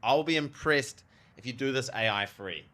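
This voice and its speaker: Male game streamer, retainer lisp, bright forceful voice, animated, slangy, casual chat with viewers. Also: medium pitch, normal speed. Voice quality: lisp, made stronger by a new retainer. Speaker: live streamer, theologian. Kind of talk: casual livestream chat over gameplay.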